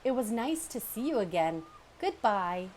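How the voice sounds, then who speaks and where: A woman doing a polite, gentle robot mother. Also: mid-range voice, sing-song, a little slow, a little hiss or hum, pitched above the performer's own voice. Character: friendly female robot, calm and polite.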